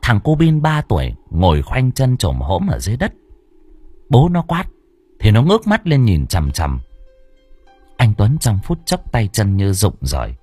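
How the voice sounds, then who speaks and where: A man narrating a ghost story in an expressive, dramatic way. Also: mid-range voice, slightly rough, no echo. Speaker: audiobook narrator.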